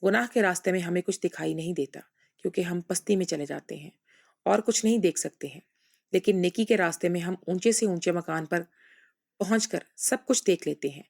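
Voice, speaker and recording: A woman reading a first-person story aloud in an even, measured storytelling manner. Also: fairly low pitch, gravelly.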